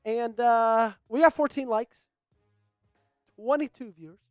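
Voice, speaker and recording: A man hosting a live-streamed sports talk show, upbeat and rattling off shout-outs to viewers. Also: extremely high pitch, unhurried, clean tone, no room sound, muffled recording, faint music behind. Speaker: host.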